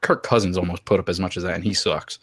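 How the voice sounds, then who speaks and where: A young man with a lowish voice hosts a comedic fantasy football chat, gloating over his win and hamming it up with mock drama. His voice is close and dry, with no room sound around it. He talks in a theatrical, trash-talking way. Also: steady tone, fast, a bit bright, dry recording. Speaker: podcast host.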